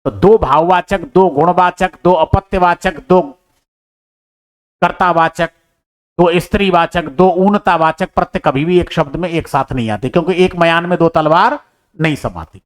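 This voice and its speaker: In a slightly high voice at a moderate pace, a man goes through an exam's answer key one step at a time. As the teacher solving the paper, he raises questions only to answer them himself, and he calls his students brother.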